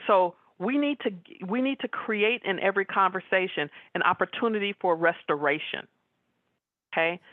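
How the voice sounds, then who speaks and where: A woman giving a webinar talk as guest speaker, chatting with the audience and pausing on fillers. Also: mid-range voice, no echo. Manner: conversational, frequent fillers. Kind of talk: webinar presentation with audience questions. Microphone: video call. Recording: tinny phone-like line.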